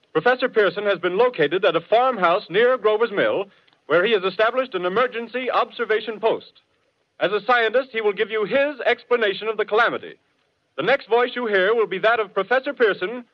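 High-voiced old newsreel announcer. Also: male voice. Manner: crisp formal bulletin delivery. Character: male studio announcer reading urgent bulletins. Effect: old newsreel-style broadcast announcing. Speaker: radio announcer. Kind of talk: 1930s radio drama. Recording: dull lo-fi 1930s radio recording.

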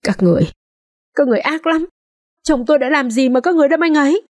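Woman voicing a heartbroken young wife, high desperate pleading, audio drama. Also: racing, warm tone, dry recording, clean studio sound, close to an everyday voice. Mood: accusing. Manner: desperate pleading, sobbing cries. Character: young wife, grief-stricken and enraged.

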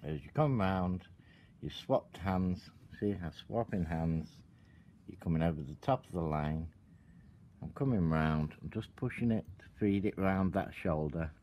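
A man giving a calm, step-by-step tutorial while working with his hands at an outdoor table. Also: deep voice, measured pace, a little hiss or hum. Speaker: product demonstrator.

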